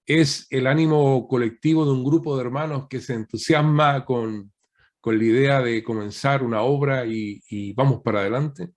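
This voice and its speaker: A man's voice: medium pitch, steady tone, moderate pace. A man, a guest pastor, preaching a teaching sermon over a video call, asking rhetorical questions and often ending points with a questioning tag.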